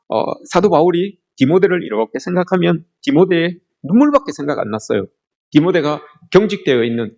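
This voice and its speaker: A middle-aged male pastor preaching a sermon to his congregation. His voice sits a little high and swings widely in pitch. He tells the story earnestly and often calls out to his listeners directly. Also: vocal fry, darkish tone.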